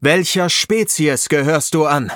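Fatherly wizard leader, slow and solemn, put on by a man narrating an audiobook; raised pitch, dry close sound. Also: a bit bright, no echo.

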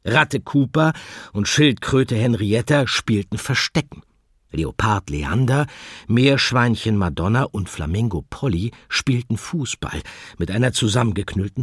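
A man narrating a children's audiobook in an expressive storytelling manner. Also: lowish voice, breathy edge, no echo, clean studio sound.

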